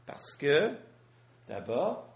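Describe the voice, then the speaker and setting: A man preaching in French at a slow pace, his pitch rising and falling in lively swings. He stops often for his interpreter and asks rhetorical questions, and the sound is echoey. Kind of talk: sermon with live interpretation.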